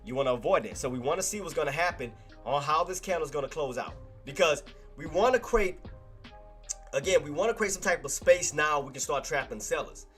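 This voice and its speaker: A man hosts a live trading stream with a stuffy, congested nose, casually walking his chat through stock chart levels, repeating key points and calling viewers "boss." His voice sits on the high side, animated, fairly quick and a bit bright, with faint music behind him.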